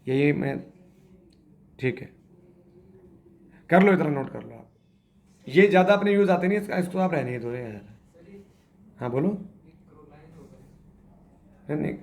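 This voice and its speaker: A man's voice: a little high, lively intonation, measured pace, gravelly, long pauses, darkish tone. A man teaching a chemistry class, quizzing the students and repeating their answers as he spells out structures step by step. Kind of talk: classroom lecture.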